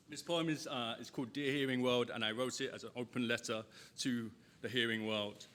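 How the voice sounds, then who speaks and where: A young man performs his poems on a festival stage, giving the lines a strong rhythmic push. His voice is bright and forward, and between pieces he slips into loose, chatty asides. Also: mid-range voice, creaky, slight background noise. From England. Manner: rhythmic, emphatic delivery of verse, chatty asides. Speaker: poet. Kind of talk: live poetry reading. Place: festival stage before an audience.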